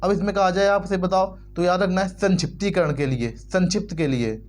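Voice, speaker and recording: Slow, repetitive Hindi grammar teacher. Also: male voice, high-pitched. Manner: repeats words slowly, spells them out letter by letter. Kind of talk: explanatory lesson in Hindi.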